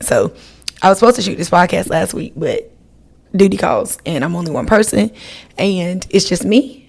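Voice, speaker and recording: A woman's voice: medium pitch, a little mellow. A woman, hosting her podcast in a chatty, rambling style and talking straight to her listeners. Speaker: podcast host. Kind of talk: casual solo podcast chat.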